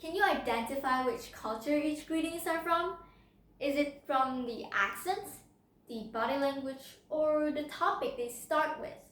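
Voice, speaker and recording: Here a teenage student competing in a speech contest presents a prepared persuasive speech to camera, her high voice carrying a roomy echo. She comes from Indonesia and grew up speaking Hokkien. Lively and fond of asking the listener questions, she talks a little slowly and is recorded from a distance.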